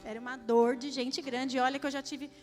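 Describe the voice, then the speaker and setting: A woman with a high voice tells her story as a church testimony, turning often to the congregation. Her delivery is heartfelt and direct. A faint guitar plays behind her. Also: little pitch movement, a little fast. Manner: emotional, addresses the audience directly. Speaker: church speaker giving testimony. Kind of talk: testimony sermon.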